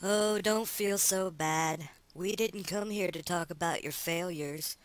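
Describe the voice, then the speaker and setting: A man's voice: sits high, slow pace, no echo. A man voicing a blunt male alien pirate.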